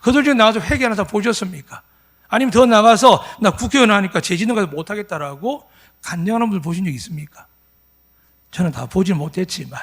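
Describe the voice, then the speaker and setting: A pastor in his fifties, with a high-sitting voice that has a breathy edge, preaches a sermon at a Sunday church service. He is emphatic and fills his preaching with rhetorical questions to the congregation.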